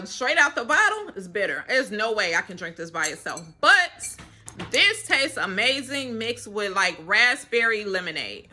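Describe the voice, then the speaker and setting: A young woman talks casually to her camera in a loose, rambling way. Her voice is bright and forward, and she breaks into quick laughs between thoughts. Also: medium pitch. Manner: chatty, laughs often, rambling. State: slightly winded. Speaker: vlogger. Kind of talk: casual chat.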